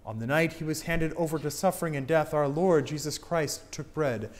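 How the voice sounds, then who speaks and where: A middle-aged priest at the altar, leading the liturgy in a solemn, declamatory way. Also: male voice, on the high side, moderate pace. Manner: solemn, declamatory, wide swings in loudness. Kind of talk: chanted and spoken liturgy. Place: church altar, indoors. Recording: long church reverb.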